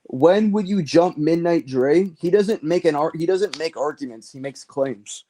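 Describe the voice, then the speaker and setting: Streaming casual commentary, a Californian man answers his viewers' questions in a blunt, slangy, profanity-heavy way with a standard American accent. He talks a little slowly, his voice fairly high and warm in tone.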